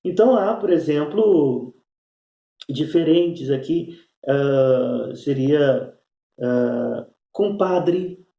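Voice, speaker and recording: A man's voice: mid-range voice, extremely slow, vocal fry, mellow. A male teacher, explaining exercises in a recorded lesson, with frequent tag questions and fillers. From Minas Gerais, Brazil. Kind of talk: recorded remote lesson going over exercises. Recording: echoey room.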